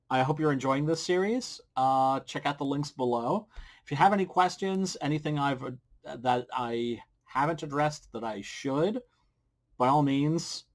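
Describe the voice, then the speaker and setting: Speaking into a large studio microphone on a boom arm with a pop filter, a blunt middle-aged man, a comic book creator and series host, vlogs casual how-to tips straight to camera. His pitch is medium and his manner informal with a bit of profanity, and he records indoors in a small wood-panelled room at home.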